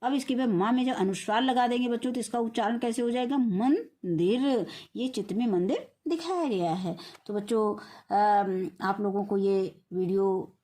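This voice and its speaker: A woman's voice: medium pitch, dark tone. A woman teacher giving a recorded reading lesson for young children, sounding out words syllable by syllable and answering her own questions. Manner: slow syllable-by-syllable spelling out words; asks questions and answers them herself. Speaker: primary school teacher.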